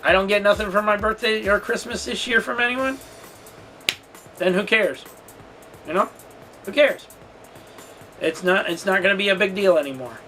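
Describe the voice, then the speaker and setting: A vlogger who hosts a storytelling channel talks through a personal story in a sharp, notably high voice. His casual delivery is halting and rambling, candid and confessional, and music can be heard faintly in the background.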